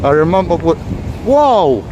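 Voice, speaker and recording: With a fairly high, sing-song voice and a measured pace, a man chats and rambles to his viewers while walking a busy city street on a casual tour. The lo-fi, noisy recording picks up traffic in the background.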